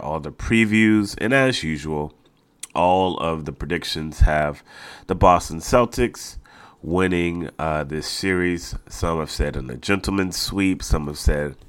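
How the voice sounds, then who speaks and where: A man's voice: low-pitched, fairly bright tone, no room sound. A man hosting a casual solo sports podcast, a little nasal and congested, talking informally and repeating phrases for emphasis. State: mildly congested from allergies. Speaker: podcast host.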